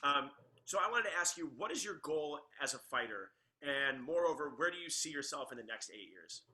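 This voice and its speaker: Fast, bright-voiced joking host. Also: male voice, on the high side, expressive. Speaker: podcast host. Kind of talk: casual interview chat.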